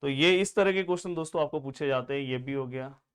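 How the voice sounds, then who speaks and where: A man's voice: mid-range voice, fast talker, fairly bright tone, clean tone. A man teaching grammar for board exams in a chatty way. He keeps calling the students friends and asks and answers his own imagined student questions. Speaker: Hindi grammar tutor. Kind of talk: exam-prep lesson.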